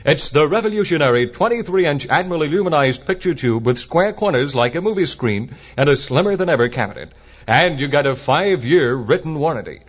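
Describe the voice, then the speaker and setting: An American man working as a radio DJ in an upbeat, salesmanlike 1950s ad style, on a dull vintage AM broadcast. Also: on the high side. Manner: upbeat, salesmanlike announcer delivery. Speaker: radio DJ reading ads and announcements. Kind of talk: chipper 1950s radio ad and DJ patter.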